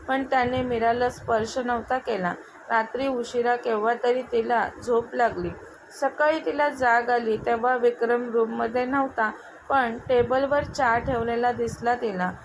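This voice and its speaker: A woman narrating a scripted romantic story in a steady, even reading voice. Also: fairly high pitch, normal speed. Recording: noticeable background noise.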